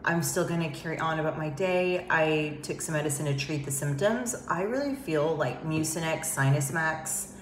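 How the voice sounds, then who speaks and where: Speaking at normal speed with barely a pause, a low-voiced woman vlogs casually from an emptied home office, sounding stuffed up from a cold. Her talk is chatty and meandering, full of fillers, and the recording carries room echo plus a slight hiss or hum.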